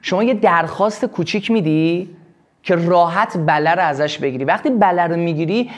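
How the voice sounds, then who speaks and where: High-pitched guy running a sales workshop, keeps acting out little customer scenes. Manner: explains with quick acted examples. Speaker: sales trainer. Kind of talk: live workshop lesson.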